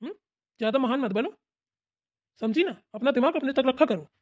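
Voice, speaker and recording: A woman's voice: sits high, animated, a little fast, darkish tone. A woman voicing a stern adult man, an elder brother and husband, who lectures and nags, in a cartoon. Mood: scolding. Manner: lecturing, nagging with repeated "hmm?". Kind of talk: cartoon voice acting. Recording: dull lo-fi recording.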